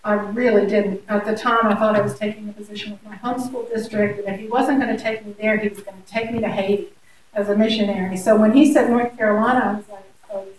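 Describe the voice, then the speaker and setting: A woman's voice: mid-range voice, steady tone, quick pace. A woman in her sixties from Pennsylvania, a school program director and church organist, telling her story in an earnest, devout way. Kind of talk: casual interview. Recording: echoey, from far off, faint noise.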